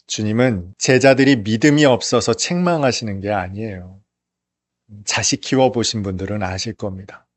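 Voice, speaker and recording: A man's voice: on the low side, dry recording. A male pastor preaching a sermon in an earnest way, sometimes acting out pleading lines. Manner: earnest, rising to act out the disciples' pleas. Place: church.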